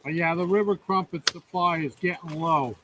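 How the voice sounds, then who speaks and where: A man's voice: fairly high pitch, normal speed, noisy background. A man co-hosting a casual live stream, joking in an easygoing way.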